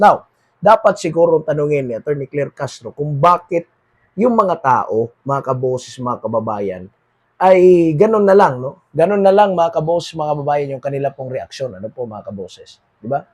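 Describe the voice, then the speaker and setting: A Filipino man with a Filipino accent hosting a political commentary monologue, moving between read English lines and Tagalog and dropping quieter at the end of phrases. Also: medium pitch, expressive, normal speed, breathy edge. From Philippines. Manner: switches between read English and Tagalog, repeats "mga kaboses, mga kababayan"; trails off quieter at phrase ends.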